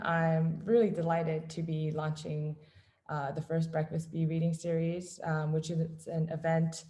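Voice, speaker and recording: A woman from Canada opens an online reading with a slightly low voice. She talks haltingly, filling gaps with ums, over a video call. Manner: many ums and pauses, soft-spoken. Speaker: event host. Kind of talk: hesitant live introduction over video call.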